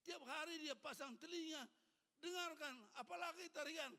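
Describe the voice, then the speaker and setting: A man's voice: very high-pitched, moderate pace, bright, forceful tone. A man in his eighties, a pastor preaching a sermon in a church hall, urging the congregation with fervent, repetitive exhortations. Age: 80s. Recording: long reverb of a hall.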